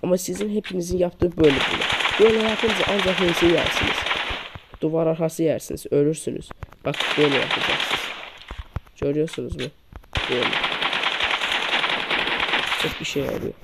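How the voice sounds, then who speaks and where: A man's voice: steady tone, fairly quick, long pauses, heavy background noise. A man giving a casual gameplay tutorial on a poor microphone, repeating and demonstrating each tip while calling his viewers friends. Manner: repetitive demonstrative instructions, addresses viewers as friends. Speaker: mobile shooter game tips creator. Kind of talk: casual gameplay tutorial over screen recording. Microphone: poor-quality microphone. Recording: low-quality mic with loud gunfire game sounds. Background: game gunfire and clicks.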